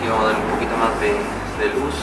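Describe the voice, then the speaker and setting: A man's voice: on the low side, steady tone, quick pace, very noisy. A man, demonstrating mural painting step by step and checking in with his students as he goes. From Chile. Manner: explanatory, checks in with "¿cierto?". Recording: roomy, distant mic, music behind.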